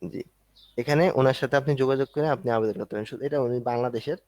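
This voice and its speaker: A man's voice: medium pitch, very fast, darkish tone, no echo. A man teaching an online class, explaining step by step in a conversational way while walking through a screen. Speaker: instructor.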